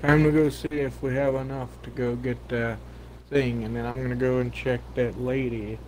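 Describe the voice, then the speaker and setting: A man's voice: medium pitch, flat delivery, normal speed, a little mellow, a little hiss or hum, low-quality recording. A man hosting a let's play, chatting casually and joking with a friend while he plays. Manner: joking, playful banter. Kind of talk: casual gaming chat.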